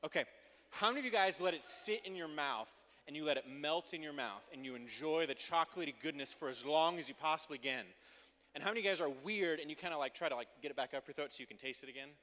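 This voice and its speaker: Youth pastor guy preaching, kinda high voice, big reverby hall, joking with the kids. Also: fast. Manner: energetic, playful asides to teens. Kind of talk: youth group sermon.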